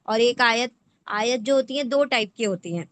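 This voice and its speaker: A woman's voice: a little high, fairly bright tone, slight background noise. A woman teaching the Quran word by word in a patient lesson, breaking words into parts and often checking in with the listener. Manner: checks in often with rhetorical questions. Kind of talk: explanatory lesson.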